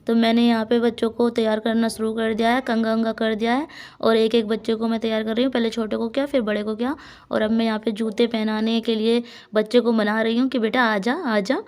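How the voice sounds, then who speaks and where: A young woman from India tells the story of her family's day in a relaxed, chatty voice-over. Her voice sits a little above the usual for a woman, and she laughs easily as she talks. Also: fairly high pitch, brisk. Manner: chatty, laughs often, talks warmly to her small children. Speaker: vlogger and mother. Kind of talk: casual voice-over narration of a family vlog.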